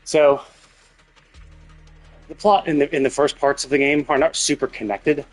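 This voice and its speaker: A male livestream host with a fairly high voice, fairly even intonation and normal speed offers casual game commentary over game music. He rambles, thinking aloud as he goes.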